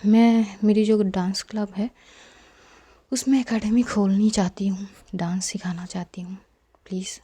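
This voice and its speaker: A woman's voice: mid-range voice, fairly even intonation, measured pace, mellow, slightly rough. A woman reading the lines of a shy, hesitant young dancer in a spoken storybook.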